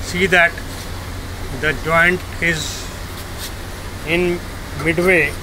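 A man giving slow, step-by-step instructions while demonstrating a machine in a workshop. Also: fairly high pitch, little pitch movement. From India. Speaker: product demonstrator. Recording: noisy workshop recording.

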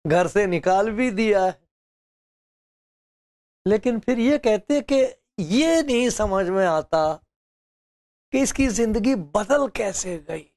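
Speaking into a lapel mic in front of bookshelves in an indoor studio, an older pastor delivers a sermon to camera. His voice sits high with a darkish tone, and the sound is clean and studio-grade with no room sound. He spins stories, acting out quotes with laughs, chuckles and gestures.

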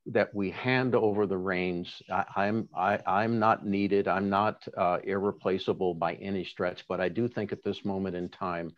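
A man with a fairly low voice talks with earnest passion, stumbling and restarting as he makes his case. The sound is dull and lo-fi, as if coming through a video call. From Seattle area. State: tearful at times. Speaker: candidate for city attorney. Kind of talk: endorsement interview.

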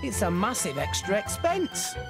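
Earnest teen boy hero, plain-spoken, lively pitch, game music behind. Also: moderate pace, heavily acted. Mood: relieved, worried.

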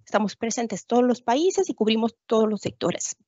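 A woman's voice: a little high, lively intonation, brisk, dark tone, dry recording. A woman giving a business webinar presentation over a video call, hesitantly searching for her words. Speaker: guest presenter, account executive. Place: indoor video call, seated at webcam. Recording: muffled video-call audio.

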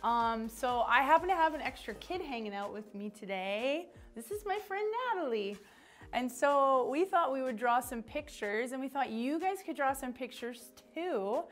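A woman's voice: sits high, lively intonation, moderate pace. A woman teaching a children's church lesson, chatty and encouraging, leading a drawing activity, with faint music behind. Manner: chatty and encouraging, with playful asides. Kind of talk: upbeat lesson for young children.

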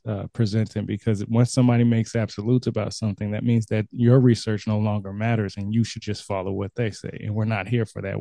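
Brief: male guest on a video call, mellow, earnest, dry sound. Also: lowish voice, creaky, no echo. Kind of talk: casual video-call discussion.

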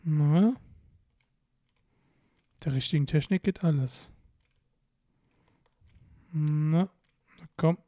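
A young man talking through a video game in an unhurried way, with a slightly high voice. He exclaims often and mutters to himself between the cries. His voice is recorded close and dry, with no room sound. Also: mellow, no room sound. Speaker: let's play commentator. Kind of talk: casual gameplay commentary.

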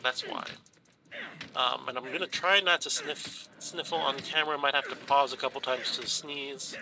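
Here the man sounds medium-pitched, bright and forceful, on a rough recording with slight background noise. He's a gaming YouTuber with a stuffy, runny nose, loosely commenting on his gameplay in let's play style and restarting often between ums.

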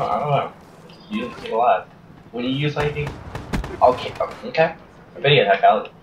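A young man talks through his own gameplay in a casual, restless stream of commentary that now and then jumps into frustrated yelling. He sits a little back from the mic in a roomy space. The sound is somewhat dull, with faint hiss. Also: distant mic. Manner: chatty, restless, erupts into high shouts of frustration. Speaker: gaming channel host.

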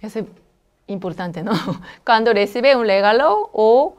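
Korean woman teaching, clear and patient. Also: expressive. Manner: slow, patient explanations with frequent checking questions; says Korean phrases brightly and quickly, then drops her voice low for comments. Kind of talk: language lesson.

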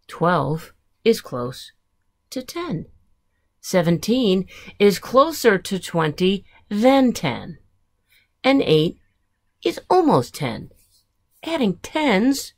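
A woman school librarian reading a picture book aloud to children, in an expressive, unhurried way. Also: lowish voice, gravelly, dry recording.

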